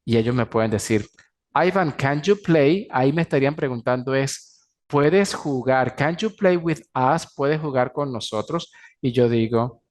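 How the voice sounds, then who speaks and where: Spanish-speaking man teaching English grammar. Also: mid-range voice. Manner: explains grammar in Spanish, slowly spelling out English examples. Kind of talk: recorded class lecture.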